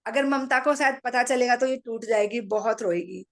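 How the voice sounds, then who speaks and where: Calm, higher-voiced woman telling her story. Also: moderate pace. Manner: calm, matter-of-fact storytelling with quoted dialogue. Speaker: meditation practitioner sharing her story. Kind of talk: personal testimony to an audience.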